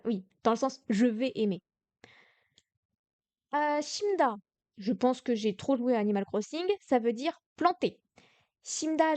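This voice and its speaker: A woman's voice: fairly high pitch, darkish tone, dry recording. A young French woman teaching Korean grammar on a live stream, explaining patiently with many hesitations and restarts, sounding tired. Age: young adult.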